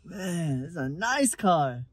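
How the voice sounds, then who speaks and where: A young man playing a loud, cocky friend who jokes around in casual slang in an amateur youth drama. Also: fairly high pitch, sing-song, takes it slowly, low-quality recording.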